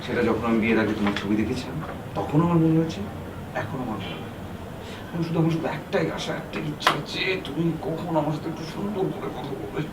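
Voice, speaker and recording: An actor playing a lovesick young husband pleading slowly in a comedy TV drama. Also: male voice, fairly high pitch, heavy background noise, lightly acted. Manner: slow, pleading. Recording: echoey, from far off. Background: loud music.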